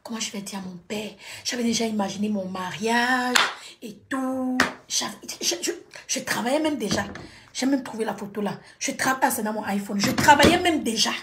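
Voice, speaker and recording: A woman's voice: a little high, normal speed, heavy background noise. A woman telling a personal story on a livestream, dramatic and repetitive, talking straight to her audience.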